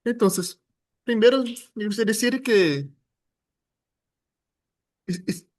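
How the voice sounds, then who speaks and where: A Brazilian man who speaks Portuguese natively, with a Brazilian Portuguese accent, gives an academic seminar as a guest lecturer. His high voice is animated yet slow, and he keeps it informal and joking, restarting often.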